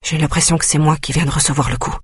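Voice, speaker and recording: A man reads a first-person audiobook in a grave, quietly intense manner. His voice is husky and breathy, and the recording is dry and close. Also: on the high side, steady tone, quick pace, no echo. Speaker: audiobook narrator.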